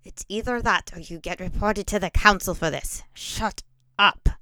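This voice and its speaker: A man's voice: very high voice, expressive, takes it slowly, sharp tone, no room sound, voice pushed up, heavily acted. A woman voicing a blustering male mage master who splutters indignantly and hisses angry whispers.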